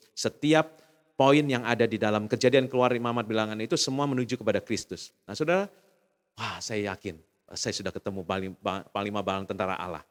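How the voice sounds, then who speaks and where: Indonesian pastor storytelling in a reverberant hall. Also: male voice. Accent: Indonesian, casual Jakarta slang. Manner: storytelling, acts out voices in quotes, animated swings up and down in pitch. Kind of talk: sermon. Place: church hall.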